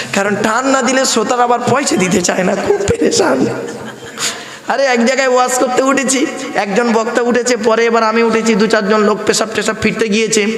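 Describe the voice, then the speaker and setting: Casting: male preacher, high pitch, asks questions, PA mic in an echoey pandal. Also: fairly bright tone. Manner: call-and-response, rhetorical questions. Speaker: Islamic preacher. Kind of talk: waz sermon to a gathering. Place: outdoor sermon pandal over loudspeakers. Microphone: handheld PA microphone. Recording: echoey hall, long reverb.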